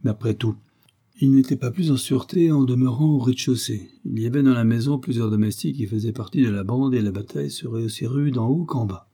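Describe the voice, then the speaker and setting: A man narrating a classic detective novel in a steady, measured audiobook reading. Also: mid-range voice.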